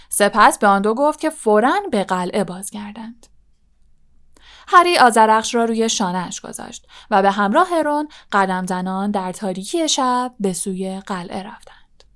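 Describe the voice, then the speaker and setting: Audiobook narrator: woman, measured delivery, drops to near-whispers in tense passages. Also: mid-range voice. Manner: measured, often dropping to a hush. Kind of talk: scripted storybook narration.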